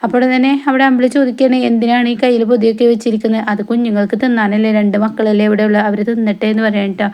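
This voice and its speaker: A woman rattles through the plot of a TV serial in a quick, steady patter. Her pitch barely moves as she passes lines from one character to the next. Small "eh" fillers and soft tag words close off many of her sentences. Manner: rapid, even retelling with frequent "eh" fillers and soft trailing tag words. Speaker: TV serial recap vlogger. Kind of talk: casual retelling of a TV serial episode.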